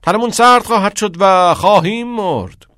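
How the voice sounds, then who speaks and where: A man's voice: sits high, lively intonation, a bit bright, dry recording, voice pushed up. A man voicing a passionate middle-aged male teacher who urges and exclaims like a preacher. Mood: fervent.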